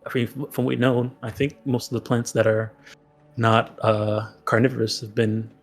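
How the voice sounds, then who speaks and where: A man playing a tabletop game, chatting casually and haltingly, often circling back on his phrases. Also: medium pitch, flat delivery.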